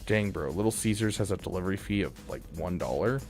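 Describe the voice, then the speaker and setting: A man's voice: sits low, lively intonation, fast, a little mellow, faint music behind. A man streaming a video game, chatting casually and rambling with lots of fillers. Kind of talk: casual gaming stream chat.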